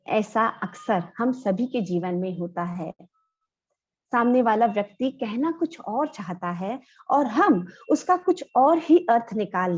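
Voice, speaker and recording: A woman giving a slow, measured lecture from slides to an online class. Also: medium pitch, darkish tone, husky. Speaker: instructor. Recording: dull lo-fi audio.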